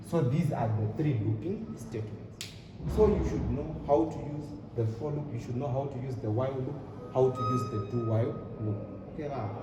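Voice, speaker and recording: A man teaching a programming class, repeating points and asking fill-in questions. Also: mid-range voice. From Zimbabwe. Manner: repetitive, asks rhetorical fill-in questions. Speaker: programming lecturer. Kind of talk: classroom lecture. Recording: echoey room, distant mic, noisy.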